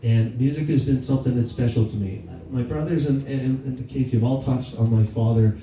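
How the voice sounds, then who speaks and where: A man's voice: medium pitch, fairly even intonation, a little fast, mellow, a little hiss or hum. A man in his fifties giving a eulogy for his father, telling stories in a plainspoken, casual way with some swearing. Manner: storytelling with laughs and acted quotes. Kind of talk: eulogy speech. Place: memorial gathering in a hall. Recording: echoey hall, from far off.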